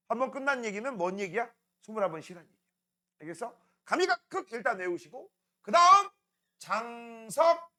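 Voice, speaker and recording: A man's voice: very high voice, pushed and bright. A middle-aged male science teacher, lecturing a class, teasing and scolding students while drilling mnemonics.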